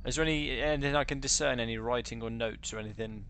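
A man's voice: medium pitch, quick pace, fairly bright tone, slight background noise. A man playing a tabletop game, asking the game master questions and backtracking mid-sentence. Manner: inquisitive, asks questions, backtracks. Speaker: player. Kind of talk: casual tabletop play.

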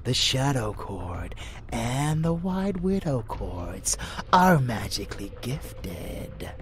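In a dark romance audio roleplay, a man voices an unhinged, swaggering, seductive vampire lover, slow and theatrical and often sliding into a gravelly whisper. His mid-range voice swings widely in pitch, sounding boastful and menacing.

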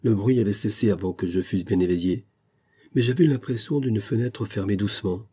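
A man narrating a classic detective story as an audiobook, in a measured, steady storytelling voice. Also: fairly low pitch, breathy edge. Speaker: audiobook reader.

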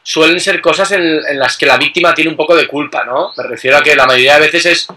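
A man chatting casually as a guest about travel, relaxed, with many fillers and tag questions. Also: on the high side, fast, poor audio. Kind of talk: casual conversation.

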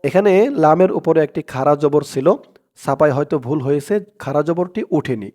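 A man's voice: a little high, a little fast, darkish tone. A man teaching prayer recitation, spelling it out syllable by syllable and drawing out the Arabic words. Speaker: Quran teacher.

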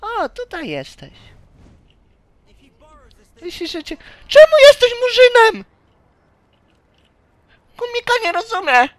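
A woman voicing a quirky, naive young girl character during game commentary, speaking broken, childish phrases with shrill squeals. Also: big pitch swings, slow pace, pauses often, dry recording, heavily acted. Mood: demanding.

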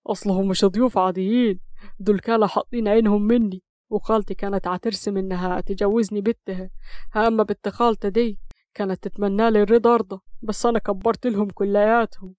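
A woman's voice: medium pitch, fairly even intonation, quick pace, a little mellow, no echo, clean studio sound, close to an everyday voice. A woman voicing a teasing young husband, speaking with an Upper Egyptian accent in mock-cool banter. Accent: Upper Egyptian Arabic. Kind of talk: audio story reading.

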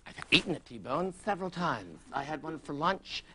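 An actor playing a pompous, oblivious, fussy middle-aged talk show host who gushes and is prissy, on a TV set. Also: male voice, fairly high pitch, very animated, normal speed, a bit bright, husky, exaggerated voice. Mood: gushing. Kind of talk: improvised comic interview.

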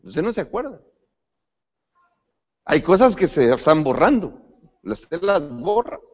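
Male pastor, preaching, lively higher voice, dull lo-fi recording, restarts words often. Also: slow. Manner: preaching, addresses the congregation as brother; lively pitch swings, rising to sudden emphatic peaks. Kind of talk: sermon.

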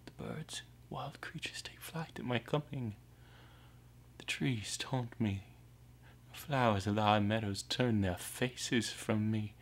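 A man performing a theatrical monologue as Merlin driven mad, an anguished, brooding outcast prophet who swings between breathy whispers and ringing cries. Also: lowish voice, measured pace. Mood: tormented, brooding.

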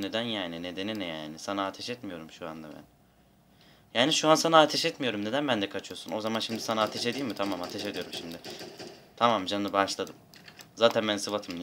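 A man's voice: on the low side, a little hiss or hum. A young man giving rambling, casual gameplay commentary and swearing now and then, at a desk mic. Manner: rambling, swears, shouts in bursts. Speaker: gamer.

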